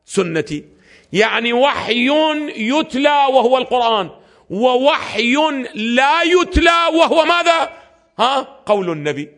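A man's voice: very high-pitched, very animated, a little slow, a bit bright. A man teaching a lecture on religious legal theory. He throws questions at his listeners and answers them himself, stretching out the verses he recites.

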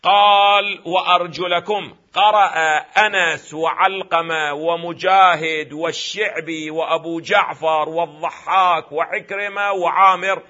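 A man lecturing as a religious scholar in an Iraqi Arabic accent, posing questions to his listeners and answering them himself, at times emphatic and loud. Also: on the high side, fairly even intonation, a little slow, dull audio. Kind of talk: lecture on Quranic readings.

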